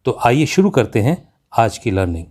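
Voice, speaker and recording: A man with an Indian accent teaching English pronunciation in a slow classroom explanation, reading example sentences very carefully. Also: medium pitch, sing-song, darkish tone.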